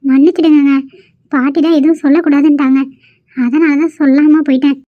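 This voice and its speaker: A woman voicing an affectionate young wife in a cartoon, speaking softly. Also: sits high, little pitch movement, fairly quick, no echo, lightly acted. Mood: apologetic. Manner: soft, affectionate. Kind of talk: cartoon voice acting. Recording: muffled lo-fi recording.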